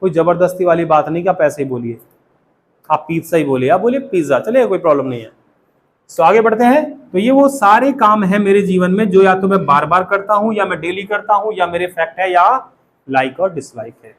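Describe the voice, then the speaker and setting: A man's voice: sits high, lively intonation, brisk, fairly bright tone, a little hiss or hum. A man with an Indian accent teaching a spoken English class, often quizzing the students and having them repeat after him. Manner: asks the class questions and has them repeat.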